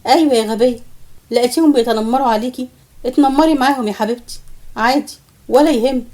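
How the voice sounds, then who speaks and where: A woman's voice: a little high, fast talker, a little mellow, natural voice. A woman with an Egyptian accent voicing an elderly grandmother who teases bluntly and affectionately. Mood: teasing. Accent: Egyptian Arabic. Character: elderly grandmother, teasing and wise.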